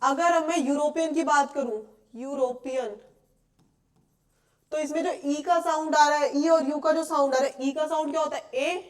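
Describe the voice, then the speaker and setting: A young woman with an Indian accent gives a classroom grammar lesson in a high, clear voice. She explains patiently and keeps asking the class whether it is clear. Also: steady tone, brisk, few pauses. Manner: explains patiently, asks checking questions often. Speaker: English teacher. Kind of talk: classroom lecture.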